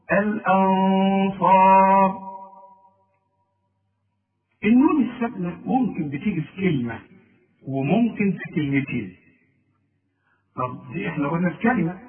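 A man with an Egyptian Arabic accent teaching a tajweed lesson, patiently quizzing the listener with questions he answers himself and slowly drawing out recited examples with a nasal hum. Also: high-pitched, big pitch swings, recorded from a distance. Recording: tinny phone-like sound.

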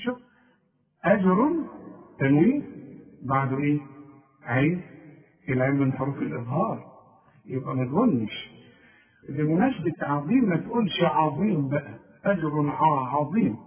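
High-voiced Egyptian man teaching tajweed. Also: sing-song. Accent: Egyptian Arabic. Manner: drills examples, chanting them slowly. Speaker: Quran recitation teacher. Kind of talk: tajweed lesson. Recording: tinny lo-fi recording from far off.

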